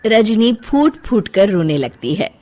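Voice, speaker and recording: A woman's voice: medium pitch, big pitch swings, a little slow, mellow. A woman narrating a cartoon moral story in a plain, explanatory way.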